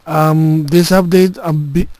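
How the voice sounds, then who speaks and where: A man giving a casual gaming channel update, recorded on a handheld game console's voice recorder like a dictaphone, halting and restarting often. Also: a little high, fairly even intonation, a little mellow, no echo. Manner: halting, with frequent restarts and filler words. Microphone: handheld game console's built-in recorder.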